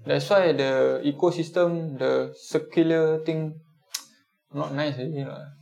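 A man's voice: on the high side, steady tone, measured pace, gravelly, darkish tone. A Singaporean man in a casual chat, speaking colloquial Singlish with lah and meh, explaining his opinions through rhetorical questions.

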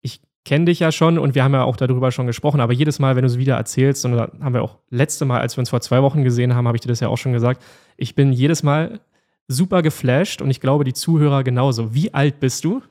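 A podcast host speaks quickly in a steady, slightly mellow voice of medium pitch. During a casual interview he praises his guest with effusive enthusiasm and addresses his listeners directly.

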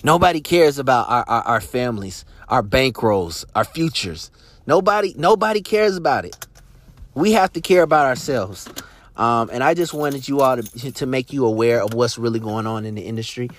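A male podcast host in full rant, pressing his points hard and tripping over his words as he restarts sentences. His voice sits at an ordinary middle pitch. The sound is dry and close, with no room echo. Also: lively intonation, moderate pace. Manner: passionate, emphatic, repeats words and restarts often. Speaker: sports agent podcast host.

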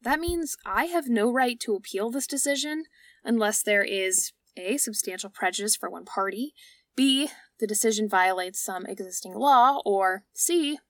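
A woman's voice: mid-range voice, a bit bright, dry recording. A young woman narrates an explanatory podcast in a conversational, informal tone. The sound is very dry, as if in a small closet, and a little away from the mic. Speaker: podcast host. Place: small clothes closet at home, indoors. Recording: close, dry home closet recording, slightly distant.

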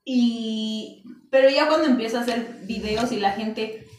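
A Mexican woman with a slightly high voice chats as a podcast guest, rambling and full of fillers. She sits back from the mic, and her voice rings around a very echoey room with a faint hiss. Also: a little slow, darkish tone, recorded from a distance. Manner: chatty, many fillers like "o sea". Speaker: guest youtuber. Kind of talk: casual podcast chat.

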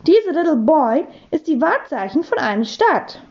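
A woman's voice: high-pitched, sing-song, measured pace, darkish tone, highs cut off, pitched above the performer's own voice, full character voice. A woman voicing a cheerful English teacher who speaks broken German with an English accent. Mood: chirpy.

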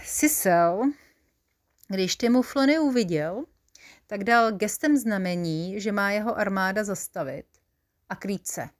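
A woman reading a children's story aloud in a playful, expressive, confiding way. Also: medium pitch.

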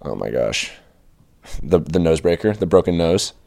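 A man's voice: low-pitched, animated, normal speed, vocal fry. A young man co-hosting a podcast in casual chat, joking and rambling. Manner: joking, rambling, slips into a soft put-on radio voice. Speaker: podcast co-host.

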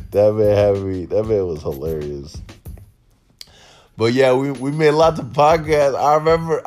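A young man, hosting a solo podcast at a mid pitch. He tells a funny college story in a loose, slangy ramble, restarting his sentences and repeating words. Faint music plays underneath. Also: darkish tone. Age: young adult. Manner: rambling, repeats himself, slangy, bursts of laughter. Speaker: podcast host. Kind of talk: casual storytelling monologue.

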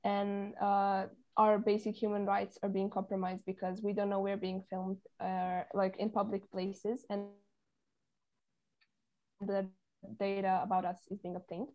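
A woman's voice: medium pitch, little pitch movement, a little slow, highs cut off. A teenage woman from Serbia, a committee chair answering interview questions with hesitant, filler-filled speech. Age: teens.

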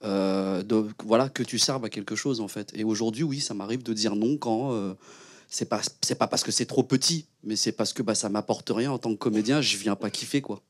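A young adult man, a guest actor on a panel, telling stories in a relaxed, slangy way. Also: lowish voice, moderate pace. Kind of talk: casual panel talk.

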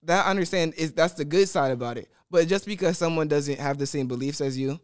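Young man, slightly higher voice, clear tone, rambling podcast chatter. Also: fast. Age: young adult. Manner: rambling, restarts often, animated. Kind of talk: casual group chat.

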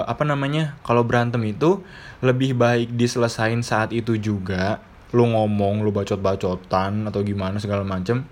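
Slangy young man from Jakarta. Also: mid-range voice. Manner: chatty, slangy, blunt, swears casually. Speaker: podcast host. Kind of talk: casual monologue.

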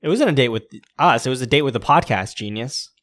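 Male podcast co-host, mid pitch, lively swings, dry sarcastic one-liners. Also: fast. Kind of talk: casual chat.

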